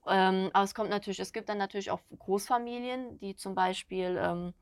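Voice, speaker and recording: A young woman from northern Hesse who works as a citizen office clerk, chatting through interview answers as an animated storyteller. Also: medium pitch, brisk, clear, resonant tone, dry recording, clean studio sound. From northern Hesse, Germany.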